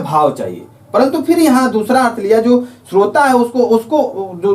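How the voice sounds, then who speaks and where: A man teaching a Hindi grammar lesson, explaining patiently, repeating himself with filler phrases and reading quoted verse lines slowly. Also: high voice, darkish tone, recorded from a distance. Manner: repetitive, careful, with frequent filler phrases.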